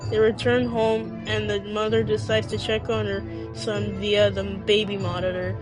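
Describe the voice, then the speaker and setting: A woman reading a scripted story aloud as narrator, halting and often stumbling and repeating phrases. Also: mid-range voice, flat delivery, over music.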